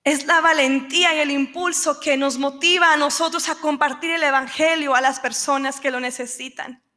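A woman's voice: high-pitched, fairly even intonation, normal speed, bright, forceful tone. A woman preaching a sermon, telling a story with passion and acting out the people in it. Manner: impassioned, acts out quoted voices.

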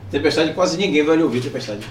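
Brief: Bahian man, quick upbeat podcast host, slightly high voice, echoey room, distant mic. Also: expressive, a little hiss or hum. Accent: Bahian Portuguese. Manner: upbeat, teasing, coaxing guests. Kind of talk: casual chat.

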